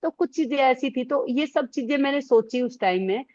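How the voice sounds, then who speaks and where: A woman's voice: high voice, normal speed, a little mellow, no echo. Woman, 50s, former hockey player, earnest storyteller, dry, dull sound. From India. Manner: earnest, storytelling, with frequent fillers. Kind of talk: casual interview, recounting her past.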